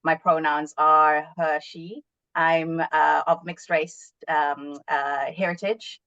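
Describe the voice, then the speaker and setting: A woman's voice: low voice, level tone, slow pace, fairly bright tone, dry recording, dull audio. A woman from South Africa, a panel guest answering earnestly and reflectively on a webinar. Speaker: panel guest, award winner.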